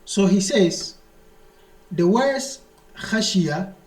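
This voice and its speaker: A man with a high voice teaches an Arabic grammar lesson in a room with strong echo. He explains slowly and repeats key terms, reading the Arabic text out fast and then translating it into English at an unhurried pace. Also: animated, a little mellow. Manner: slow, repetitive explanation, mixing English with read-out Arabic.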